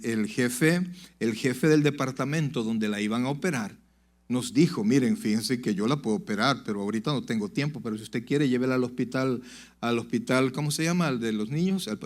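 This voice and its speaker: A man preaching a sermon to his congregation, swinging from loud emphatic peaks to low confiding asides and calling out "brother" to the listeners. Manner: addresses the congregation directly, "brother". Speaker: pastor. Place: church sanctuary.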